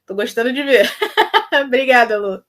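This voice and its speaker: Animated woman telling stories. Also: on the high side, a little slow. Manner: animated, laughs often, acts out quoted dialogue. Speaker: spiritual content creator. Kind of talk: casual storytelling to camera.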